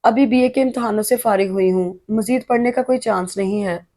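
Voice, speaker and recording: A woman narrator voicing a playful, teasing young woman who has just finished her degree, in a lively tone. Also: mid-range voice, brisk, natural voice.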